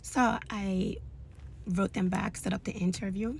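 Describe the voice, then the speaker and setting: Woman in her 30s telling her faith story, lively and emphatic, casual chat vibe. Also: mid-range voice, a little slow, creaky, a little hiss or hum. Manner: animated, emphatic, acts out dialogue. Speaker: influencer sharing a faith testimony.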